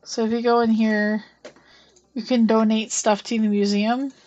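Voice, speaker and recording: In lo-fi audio, a young woman with a highish, darkish voice speaks at a moderate pace and level tone. She streams a farming game, chatting casually, explaining her moves aloud, and humming to herself.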